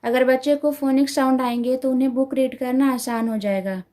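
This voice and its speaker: A woman teaching letter sounds to parents, repeating each sound carefully and slowly. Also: high voice, steady tone, warm tone. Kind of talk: slow instructional explanation.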